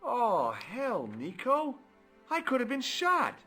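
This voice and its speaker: A man's voice: very high voice, wildly swooping pitch, slow pace, pushed and bright, soft background music, heavily acted. An actor playing a wry adult male amateur sleuth in a video game, speaking in a dry, sardonic way.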